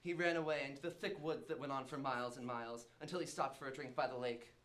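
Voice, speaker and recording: A man's voice: medium pitch, steady tone, fast, fairly bright tone. A young man hosting a campus show, reading a silly scripted story in a mock-dramatic way. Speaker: show host. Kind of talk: reading a scripted comic tale.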